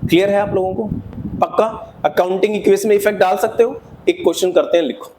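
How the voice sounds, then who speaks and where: A man with a high voice teaches accountancy to a class. He keeps asking the students questions and then answers them himself, and he drops English accounting terms into his sentences. A faint hiss of noise sits behind him. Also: steady tone, fast, dark tone. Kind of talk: classroom lecture.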